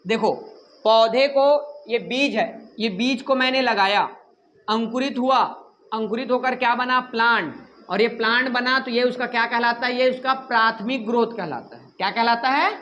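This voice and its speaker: A male teacher, giving a classroom lecture in an animated, joking way and scolding students. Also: very high voice, moderate pace, slight background noise.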